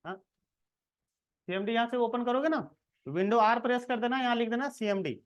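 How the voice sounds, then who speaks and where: A programming tutor with an extremely high, brisk voice gives a casual screen-recorded coding lesson. He walks the viewer through each step and checks in often.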